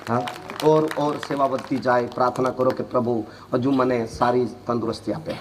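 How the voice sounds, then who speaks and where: A male pastor from Gujarat preaching a sermon, firing questions at the congregation and moving between low asides and sudden shouts. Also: normal speed, a little hiss or hum. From Gujarat, India. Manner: lively preaching, quizzing the congregation with "Hallelujah" and "Hey?". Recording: distant mic with loud room ambience.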